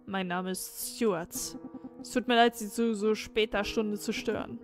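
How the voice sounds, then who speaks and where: A woman's voice: medium pitch, fairly even intonation, unhurried, soft background music, close to an everyday voice. A woman voicing a formal, polite man calling from a nursing home in a game reading.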